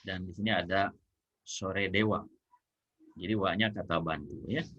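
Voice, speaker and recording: A man gives a grammar lesson in a slightly low, husky voice. He explains step by step, repeats each example, and checks in often with the class. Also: fairly even intonation, a little slow, sharp tone, lo-fi sound. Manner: patient, repeats example sentences, frequent "ya". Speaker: Japanese language teacher.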